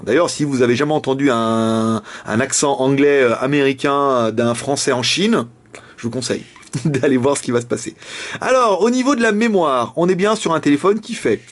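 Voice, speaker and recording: A young man with a casual, jokey manner, reviewing a phone and often laughing. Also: medium pitch. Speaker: tech reviewer.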